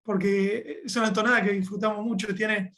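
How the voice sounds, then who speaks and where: A man from Argentina with a Rioplatense Argentine Spanish accent, a podcast guest in casual conversation, relaxed and using voseo and local slang. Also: sits high, moderate pace.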